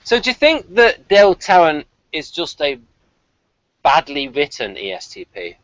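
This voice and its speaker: Speaking at a measured pace, the British co-host has a voice on the high side with huge pitch swings and a fairly bright tone. His contribution to the casual review chat is hesitant, rambling and dryly wry, partly read from notes. The slightly dull, lo-fi recording has no echo.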